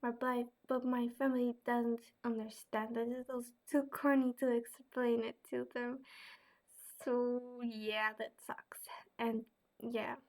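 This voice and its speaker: In a roughly recorded casual vlog, a young Dutch woman answers viewer questions with a fairly high, flat voice at an unhurried pace. She's hesitant, filling her speech with fillers and quiet asides.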